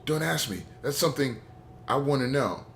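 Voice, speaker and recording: A man's voice: mid-range voice, lively intonation, moderate pace, creaky, a bit bright, a little hiss or hum. A man giving rambling, opinionated and jokey gameplay commentary as a let's play host.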